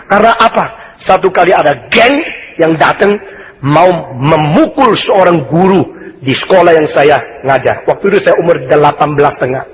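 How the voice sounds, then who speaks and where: A man's voice: fairly high pitch, animated, normal speed, crowd noise, low-quality recording. An older man preaching a sermon, telling a personal story with emphatic repeated addresses to the congregation. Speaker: pastor.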